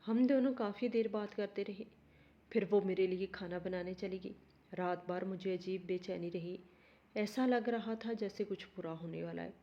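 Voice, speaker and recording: A woman reading a dramatic family story aloud in a steady, earnest way. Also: medium pitch, highs cut off.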